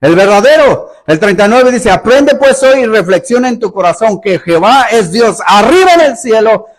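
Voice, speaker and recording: A man's voice: sits high, animated, moderate pace. A male pastor preaching a sermon in an emphatic style, acting out sarcastic rhetorical questions.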